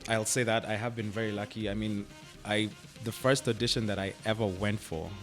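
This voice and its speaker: This is a young Kenyan man, an actor, chatting on a radio interview with faint music behind him. His voice sits lowish and moves a little fast, and he's easygoing, laughing often and filling gaps with "like" and "I mean."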